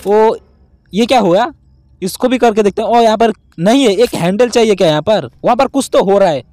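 A young man giving excitable gameplay commentary, talking straight to viewers with lots of exclamations. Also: sits high, a little fast, dry recording, faint music behind. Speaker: gaming YouTuber.

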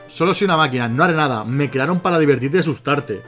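A man with a Spain Spanish accent and a slightly high voice, talking casually and cheerfully through a chat with a bot. He laughs easily and often. Faint music plays underneath. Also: animated, fast talker, fairly bright tone. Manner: chatty and giggly, often bursting into laughter. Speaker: YouTuber. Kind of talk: casual commentary while chatting with a bot.

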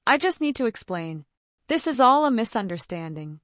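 A woman voicing a desperate estranged husband in a narrated story, sharp and pleading. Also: on the high side, big pitch swings, normal speed, no room sound, studio quality.

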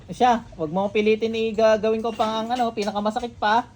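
A faith healer, sternly questioning a patient and murmuring ritual chants during a healing session at home. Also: male voice, high-pitched, little pitch movement, fairly quick, a little mellow, soft background music.

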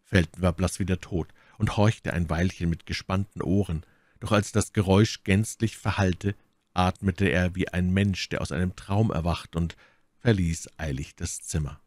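A man narrating a classic novel as an audiobook in a measured storytelling manner. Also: low-pitched, fairly even intonation, darkish tone, no room sound. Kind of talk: scripted narration.

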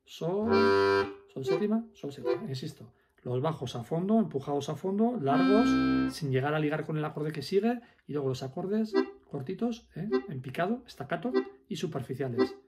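A man's voice: on the high side, expressive, normal speed, hardly any pauses, over loud music. A man teaching accordion step by step, patiently explaining fingering and counting the beats aloud. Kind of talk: step-by-step music lesson.

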